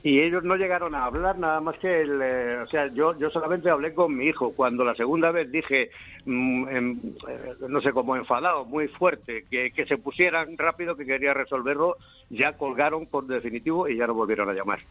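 A man calling in to a radio show, speaking in a hesitant, halting way. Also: mid-range voice, lo-fi sound. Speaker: caller. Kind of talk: phone-in account.

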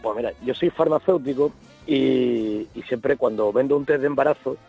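A man's voice: mid-range voice, normal speed, warm tone, highs cut off, faint music behind. A man calling in to a talk show, telling a funny work anecdote in an easygoing way. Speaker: caller, pharmacist.

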